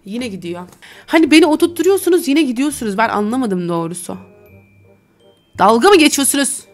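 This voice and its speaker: A woman's voice: on the high side, very animated, a little fast, faint music behind. A woman streamer giving casual, teasing commentary over a role-play game, often breaking into giggles. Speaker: gaming streamer.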